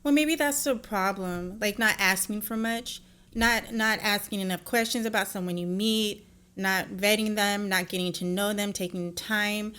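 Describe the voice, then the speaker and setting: Hosting a reaction video, a woman offers blunt, opinionated commentary that often turns into a lecture. Her medium-pitched voice is smooth but sharp in tone, at a normal speed.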